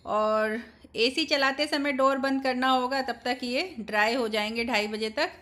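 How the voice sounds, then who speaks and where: A woman's voice: high voice, a little slow, fairly bright tone. A woman in her thirties vlogging about her housework in a casual, chatty way, explaining each chore step by step. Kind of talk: casual home vlog narration.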